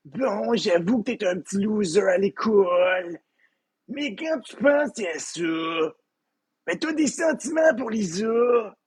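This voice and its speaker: Brief: man impersonating a slow, raspy, high-pitched Québécois cartoon dad. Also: expressive, full character voice. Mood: lecturing. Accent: Québécois French. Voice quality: gravelly, very husky, high and swooping. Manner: slow, rambling fatherly lecturing. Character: bumbling gravelly cartoon dad, middle-aged man. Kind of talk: comedic impression.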